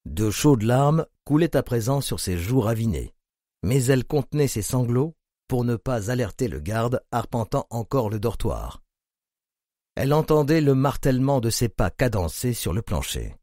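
A man narrating an audiobook in a grave, measured reading. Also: mid-range voice, expressive, dark tone, no echo, clean studio sound. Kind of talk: scripted narration.

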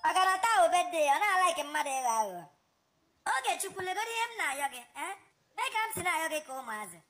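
An excitable cartoon family man with a West African accent from Nigeria. The voice is extremely high, sharp and racing, full of scolding exclamations in a comic dub. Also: quick pace, faint music behind, exaggerated voice. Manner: exclamatory, mixes in English phrases.

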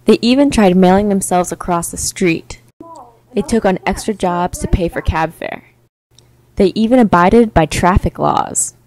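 A young woman narrating a mock-epic tale in a wry, deadpan storytelling manner. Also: mid-range voice, a little slow, poor audio. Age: young adult.

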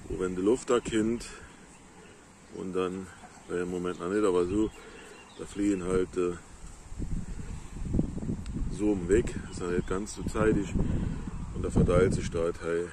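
A man with a Moselle Franconian dialect explaining plants on a casual nature walk outdoors in the countryside, in a halting, unhurried way. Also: low voice, steady tone, noisy background. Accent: Moselle Franconian dialect of the Saar-Moselle area. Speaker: local nature video maker.

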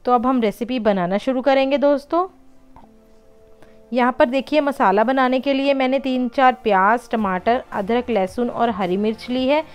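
A woman's voice: on the high side, moderate pace, smooth, soft background music. A woman hosting a home cooking channel, patiently explaining each step of a recipe in a voice-over and often calling her viewers friends.

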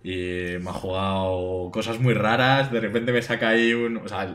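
Low-voiced Castilian Spanish man, relaxed. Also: normal speed. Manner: relaxed, speaks in loose fragments, reads card names aloud. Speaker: guest, shop colleague. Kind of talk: casual chat while opening card packs. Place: indoor streaming room. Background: faint background music.

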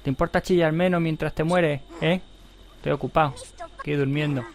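A man's voice: on the high side, fairly even intonation, brisk, crowd noise. A man giving casual gameplay commentary, chatty and mocking as he talks to the characters on screen.

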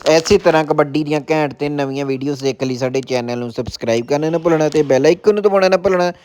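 Male Punjabi-accented promo announcer, scripted read, rapid and crisp. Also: fairly high pitch, a little mellow.

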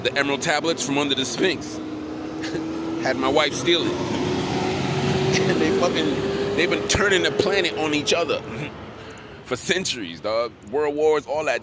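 A man giving a profane, rambling street monologue outdoors, chuckling often as he talks. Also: mid-range voice. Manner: profane, loose, breaks into frequent chuckles. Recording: street traffic noise behind.

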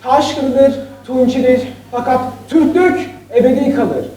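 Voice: high-pitched, steady tone, measured pace, dark tone. An actor delivering a rousing, declamatory patriotic speech on stage. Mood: fervent. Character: fervent patriotic orator. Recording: echoey hall, distant mic.

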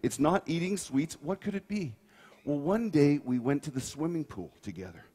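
A man preaching with a bright, somewhat high voice that leaps up and down as he tells his story. He is playful and animated, and he pulls the listeners into acting it out. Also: normal speed, slightly rough. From Canada. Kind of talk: sermon.

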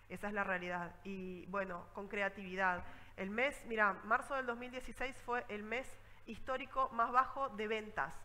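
Una mujer con acento rioplatense que da una charla de viajes y cuenta anécdotas con viveza, imitando a la gente de sus historias. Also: female voice, medium pitch, big-room sound, poor audio. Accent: Rioplatense Spanish. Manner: lively storytelling, acts out scenes. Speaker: travel speaker. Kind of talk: conference talk with anecdotes.

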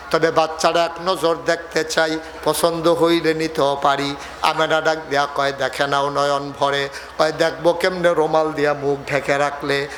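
A Bangladeshi man preaching a dramatic storytelling sermon, acting out dialogue with emotive, drawn-out calls. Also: a little high, a bit bright, slight background noise. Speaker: Islamic preacher.

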